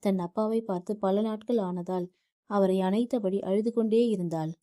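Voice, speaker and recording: A woman narrating a romantic audiobook story in a steady, even reading voice. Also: medium pitch, normal speed.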